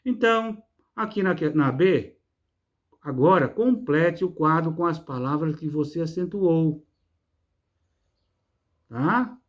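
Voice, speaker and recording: A man gives a classroom lesson with a voice sitting a little high for a man. He explains step by step with a patient manner. He keeps tagging his sentences to check that students follow, and he answers his own questions. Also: slow, long pauses, muffled recording. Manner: asks rhetorical questions and then answers them himself. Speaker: teacher.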